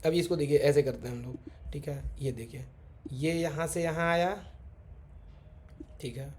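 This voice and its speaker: Trading teacher, mellow voice. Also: male voice, a little high, steady tone, unhurried. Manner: repeats "theek hai" constantly, talks while drawing on charts. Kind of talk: casual screen-share chart lesson. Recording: faint background noise.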